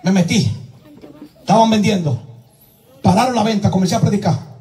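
A man's voice: high-pitched, moderate pace, recorded from a distance. A man preaching a fiery sermon as an evangelist, calling out prayers and repeating praise refrains between his phrases. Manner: shouted exclamations and chanted deliverance prayers.

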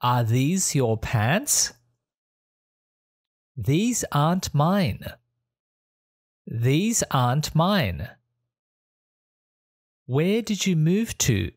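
A very slow, deliberate voice reads practice phrases for learners, saying each line twice. The pitch rises and falls in a lively, sing-song way. The sound is dry and close, with no room around it. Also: dry recording. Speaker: English teacher.

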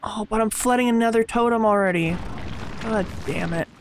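A young American man with a slight Southern twang, playing a game in an early-morning let's play, excitable and swearing under his breath. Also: high-pitched, normal speed, a little hiss or hum. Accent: American, sometimes Southern. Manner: excitable, swears and mutters to himself. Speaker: gaming YouTuber.

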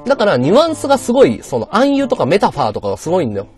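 A man's voice: high voice, wildly swooping pitch, racing, darkish tone, faint music behind. A man chatting on a live stream, lecturing in a rambling way and answering viewer comments. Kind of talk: casual livestream chat reading viewer comments.

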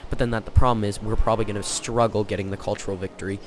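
A young man casually commentating his strategy game, excitable and jokey, thinking out loud. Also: on the low side, very fast, slight background noise. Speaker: gaming channel host. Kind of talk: let's play commentary. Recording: game music playing behind.

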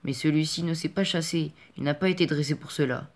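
A man's voice: fairly high pitch, brisk. A man voicing a frightened but defiant peasant boy in an audiobook reading, with a pleading, urgent delivery.

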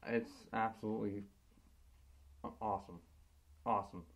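A man's voice: fairly low pitch, fairly even intonation, normal speed, gravelly, slight background noise. A young man in a casual vlog, muffled through a costume head, talking earnestly with stumbling restarts. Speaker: vlogger.

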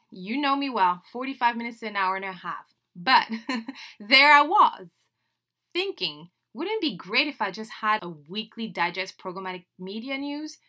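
With a medium-pitched, sharp-toned voice, this podcast host from Senegal, a native French speaker, gives a solo introduction to her show. She's chatty and upbeat, with laughter between phrases.

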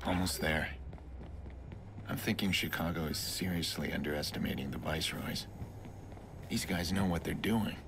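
An actor playing a grim, driven vigilante hacker in a video game, terse and hushed, with a low gravelly growl. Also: male voice, normal speed, long pauses. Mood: tense, focused. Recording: noisy game mix with ambience.

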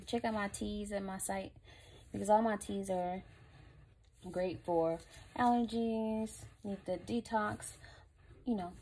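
A woman's voice: mid-range voice, a little mellow, a little hiss or hum. A woman vlogger chatting casually to viewers while she packs up orders from her online shop, talking in a loose, slangy way.

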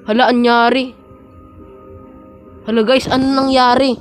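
Woman, playful gaming commentary, chatty, slightly high voice. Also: level tone, unhurried, soft background music. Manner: playful, chatty, keeps addressing viewers. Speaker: gaming vlogger. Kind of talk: casual game commentary.

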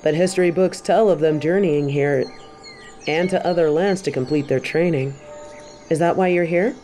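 A woman playing a stern but warm-hearted tiger kung fu master in a roleplay audio, speaking in a measured, composed way to the listener. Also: low voice, soft background music, lightly acted. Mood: calm, formal. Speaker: voice actor in a fan roleplay audio. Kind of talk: scripted roleplay addressed to the listener.

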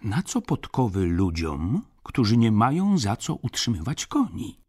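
A man's voice: lowish voice, huge pitch swings, measured pace, a little mellow, slightly rough, voice pushed up, full character voice. A man reading an audiobook, voicing an agitated middle-aged baroness with a raised, indignant voice.

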